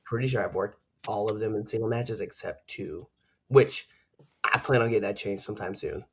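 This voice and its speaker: A man's voice: on the low side, moderate pace, slightly rough. Laughing, slangy man hosting a casual interview. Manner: animated storytelling with slangy asides; laughs often while talking. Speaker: interview host and fellow wrestler.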